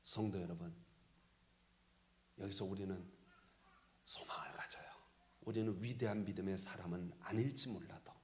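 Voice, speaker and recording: A pastor preaching a sermon with emphatic delivery that swings from loud calls down to soft near-whispers. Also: male voice, lowish voice.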